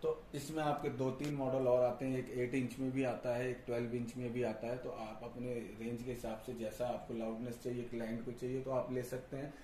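A male product reviewer and audio installer gives an informal, explanatory demonstration to camera, repeating "you see" and "I'll show you." His medium-pitched, dark-toned voice is level and a little fast, hardly pausing. He's in a reverberant indoor tiled storeroom with boxes and background noise.

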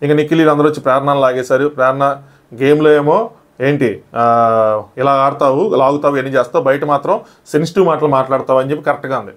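A man with a medium-pitched voice recaps a reality show episode in casual commentary. He rushes through the events and briefly acts out lines he quotes.

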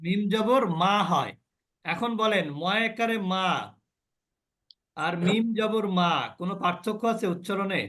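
A man with a high voice teaches a recitation class. He drills the sounds of the letters one by one and keeps asking his students questions as he goes. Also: a little slow, a bit bright. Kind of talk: online class lesson.

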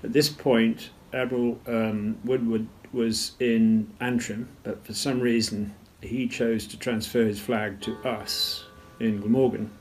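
An older man recalls events at a measured storytelling pace in an interview, often clearing his throat. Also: mid-range voice, little pitch movement, a little mellow, soft background music. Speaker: retired naval officer interviewee. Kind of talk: interview recollection.

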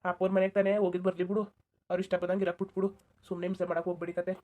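A woman voicing a calm, reasonable young village woman in a cartoon, soothing and reasoning with a rural Karnataka Kannada accent. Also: on the low side, racing, narrow, tinny audio, lightly acted. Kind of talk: cartoon voice acting.

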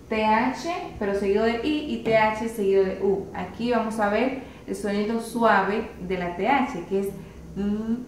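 Slow, patient woman teaching pronunciation. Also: mid-range voice, darkish tone, recorded from a distance. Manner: slow, patient, spells out letters and repeats words. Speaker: English teacher. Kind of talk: pronunciation lesson. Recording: roomy echo, voice from afar, faint hiss.

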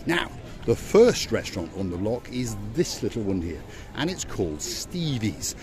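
A man's voice: on the low side, very animated, normal speed, music in the background. Joking man guiding a night walk. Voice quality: chatty, teasing, showman-like. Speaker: vlog co-host and tour guide. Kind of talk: jokey walking-tour commentary. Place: outdoor harbour promenade at night. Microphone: phone camera at arm's length. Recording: busy crowd chatter around.

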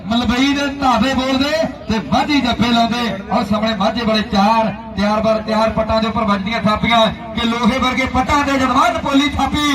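A man's voice: extremely high pitch, fairly even intonation, brisk, hardly any pauses. A man declaiming frantic rural sports commentary on kabaddi in stock phrases and folk rhymes. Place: outdoor village sports ground. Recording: echoey outdoor PA, distant, crowd noise.

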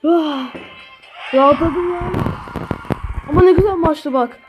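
A woman with a Turkish accent giving live commentary on her own gameplay, swearing and shouting at opponents. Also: high-pitched, measured pace, highs cut off. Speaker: gaming channel host. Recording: faint game music behind.

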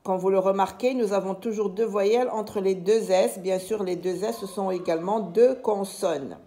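A woman teacher giving a slow reading lesson to young pupils, saying each word with care and spelling out the letters. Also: mid-range voice, dark tone. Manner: slow, deliberate, over-articulated dictation.

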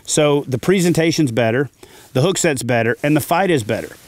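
A man's voice: a little high, lively intonation, fairly quick. A middle-aged man teaching fishing gear to camera from a kayak on a lake, confident and plain-spoken. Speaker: fishing channel host. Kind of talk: instructional talk to camera. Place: outdoors, seated in a kayak on a lake.

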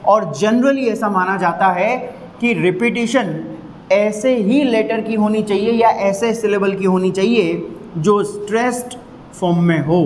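A man's voice: high-pitched, a little mellow, slight background noise, poor audio. A man teaching English literary terms with a Hindi accent, repeating points and drawing out example sounds. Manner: repetitive, emphatic, drills sounds slowly. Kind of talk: explaining a literary term to students.

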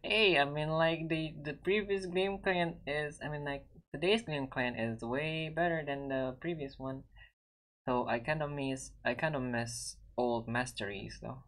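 Male game streamer, unhurried, chatty, reassuring, repeats himself. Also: fairly high pitch, a bit bright. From Indonesia. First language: Indonesian. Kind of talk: casual gaming live stream chat.

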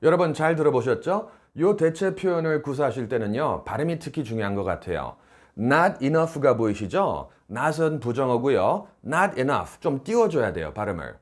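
A man teaching English phrases on video, saying each phrase slowly and clearly as he explains it. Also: medium pitch. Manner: lively, drawn-out demonstration of each phrase.

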